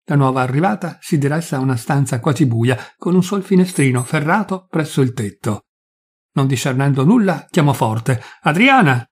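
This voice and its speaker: A man narrating a classic short story, measured and dramatic. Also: mid-range voice, lively intonation, a little mellow, husky. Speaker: audiobook narrator. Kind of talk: literary audiobook reading.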